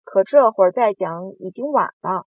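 A woman voicing an old, dignified male grasshopper in a storybook reading, slow, stately and sarcastic. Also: medium pitch, expressive, darkish tone, dry recording. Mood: sardonic.

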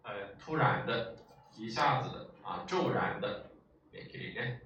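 A man's voice: mid-range voice, unhurried, pushed and bright, lo-fi sound. A man teaching a language lesson in a lecture style, explaining patiently and checking in with his listeners often. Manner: explanatory, frequent filler sounds and rhetorical checks. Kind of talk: classroom lecture. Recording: echoey room, far from mic, faint noise.

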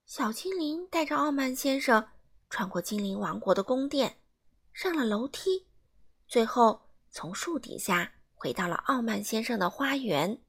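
A woman reading a children's storybook aloud in an animated way, asking the listeners questions. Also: a little high, measured pace, breathy edge.

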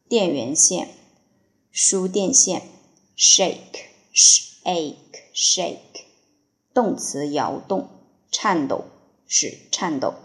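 A woman's voice: lowish voice, fairly bright tone. A woman teacher reading English vocabulary for dictation, spelling and repeating each word before giving its meanings.

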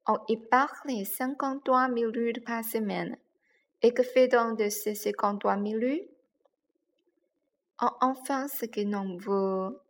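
A woman reading a children's story aloud, slowly and carefully, with gentle pauses. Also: on the high side. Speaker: reader. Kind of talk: slow read-aloud storytelling.

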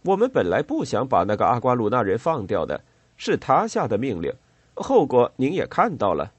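A man's voice: mid-range voice, huge pitch swings, moderate pace, slightly rough, dry recording, dull audio. A man reading an audiobook voices a blunt army sergeant who speaks dismissively.

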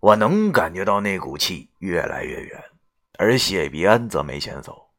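A man narrating a serialized audiobook. His fairly low voice is lively and animated, and he comments wryly, with crude asides. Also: moderate pace.

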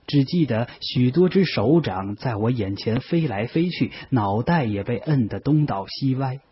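Husky male audiobook narrator. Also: medium pitch. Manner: calm, measured storytelling. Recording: dull lo-fi audio.

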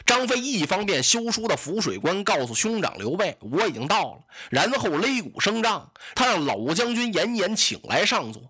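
A male storyteller performing a traditional Chinese oral tale with animated, dramatic narration. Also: high voice, moderate pace, hardly any pauses, slightly rough.

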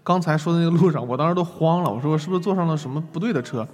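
A young man from China talks his class through a travel mishap at a brisk clip, his voice sitting a touch high. He mocks himself as he goes, and the recording rings with a long reverb over faint music. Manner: lively, self-mocking storytelling with laughs. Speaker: lecturer. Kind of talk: online lecture storytelling.

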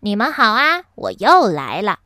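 A woman's voice: mid-range voice, huge pitch swings, unhurried, pushed and bright, no echo, clean studio sound, full character voice. A woman voicing a stubborn little male wolf who insists and whines. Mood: bold proud. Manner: insistent, whining, then bold. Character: stubborn little green wolf boy, whiny and proud.

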